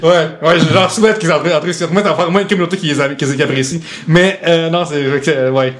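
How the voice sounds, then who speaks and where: A man with a Québécois accent telling stories in animated casual chat on a podcast, repeating words as he goes. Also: a little high, fast talker, slight background noise. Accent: Québécois French. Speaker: podcast guest.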